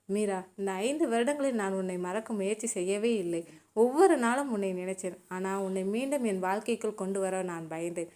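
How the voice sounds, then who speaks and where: Remorseful young man, read by a woman, soft, subdued, pleading, quietly loving, storybook reading. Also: medium pitch, normal speed, lightly acted.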